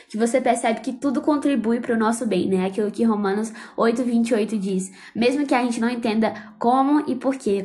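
A woman hosting a podcast, talking about a book in a heartfelt, fervent, casual way with religious exclamations. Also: a little high. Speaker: podcast host. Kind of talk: emotional casual book commentary.

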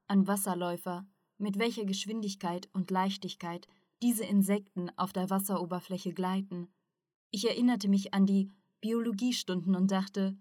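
A woman narrates a first-person story for an audiobook in an even, measured way. Her voice sits in a middle pitch. The recording is dry and close. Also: no room sound.

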